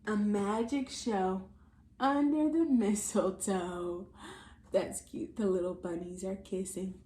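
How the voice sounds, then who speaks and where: A medium-pitched American woman slowly reads an animated story to kids, speaking to them directly. Her delivery is playful and theatrical, especially on the silly sound words. The space echoes and carries a bit of background noise.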